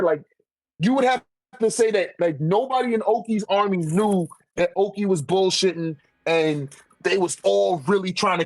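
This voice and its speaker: A high-pitched man argues casually about a manga ranking, using slangy, informal language and repeatedly checking that the listener agrees and follows along. The recording is dry and rough.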